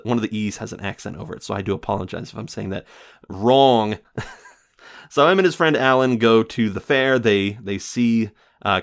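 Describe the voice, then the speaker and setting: A man talks through an old film in a casual, rambling review. His voice sits a little low. He stumbles, corrects himself and laughs between thoughts. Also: vocal fry. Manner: rambling, lots of fillers and self-corrections, laughs often.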